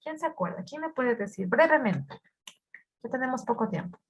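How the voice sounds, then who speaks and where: A woman's voice: sits high, lively intonation, normal speed, slight background noise. A woman teaching an English grammar lesson, patiently repeating words and quizzing her students.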